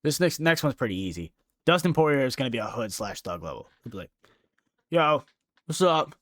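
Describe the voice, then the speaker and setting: A young man riffs through casual commentary, swearing freely and leaning on slang. His voice sits at a middling pitch. The recording is close and dry. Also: sing-song, quick pace, fairly bright tone, no room sound. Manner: profane, slangy, laughs often. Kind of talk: casual commentary ranking fighters.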